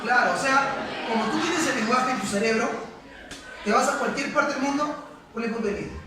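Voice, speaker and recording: A man's voice: very high voice, fairly quick, background noise. A male teacher, giving a classroom lecture and questioning his students, repeating points for emphasis. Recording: echoey classroom from far off, students audible.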